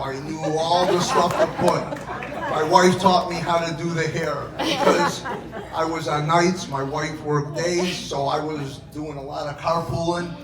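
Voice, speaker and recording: A middle-aged man giving a heartfelt father of the bride speech at a wedding reception, telling family anecdotes. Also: on the high side. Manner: heartfelt, anecdotal storytelling with dramatized quotes. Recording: echoey, noisy event room, distant mic.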